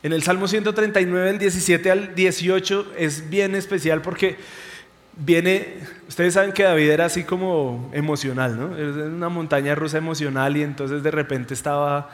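A male pastor preaching a sermon in an animated, conversational way, asking the listeners questions. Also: a little high, moderate pace, big-room sound.

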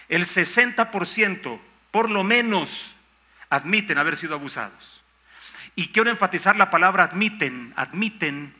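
A man's voice: high-pitched, sharp tone. An older man, a pastor preaching a sermon emphatically, with rhetorical questions and mock objections.

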